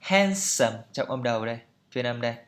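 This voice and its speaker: A man teaching pronunciation, explaining patiently and repeating example words slowly for students to copy. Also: medium pitch, a bit bright. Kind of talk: pronunciation lesson.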